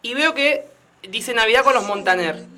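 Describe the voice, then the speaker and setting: A man's voice: extremely high pitch, lively intonation, normal speed, pushed and bright. A man with an Argentine accent telling gossip stories on a chat panel, mimicking people and laughing as he talks. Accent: Rioplatense Argentine. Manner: storytelling, mimics people, laughs while talking. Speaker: panelist and stand-up comedian.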